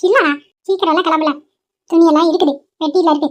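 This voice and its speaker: A bossy cartoon grandmother who scolds and makes demands of her grandson, as a woman voices her. The voice sits very high. It comes through a dull, lo-fi recording. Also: fairly even intonation, quick pace. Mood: teasing. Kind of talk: dubbed cartoon dialogue.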